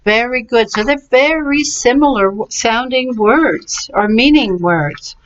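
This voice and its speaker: A woman's voice: a little high, animated, measured pace, clear, resonant tone. A woman teaching English vocabulary, patiently and encouragingly sounding out words syllable by syllable. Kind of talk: slow, clearly enunciated vocabulary and pronunciation lesson. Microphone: webcam. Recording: slightly dull, lo-fi webcam recording.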